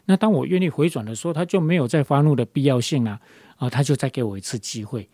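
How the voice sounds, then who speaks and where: A man's voice: mid-range voice, fast talker, mellow, dry recording, studio quality. A man leading a casual devotional talk, rambling with many fillers and restarts. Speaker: devotion leader.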